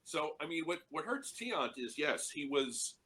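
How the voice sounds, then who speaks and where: A man's voice: on the high side, big pitch swings, unhurried, sharp tone, husky. A man on a panel, telling anecdotes in a casual discussion and chuckling as he goes. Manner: storytelling with chuckles. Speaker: panel guest.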